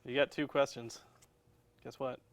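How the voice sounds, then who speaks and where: Brief: young male co-host, curt deadpan replies, dry close recording. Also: medium pitch, measured pace, dry recording. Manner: blunt, curt, deadpan answers. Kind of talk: casual chat.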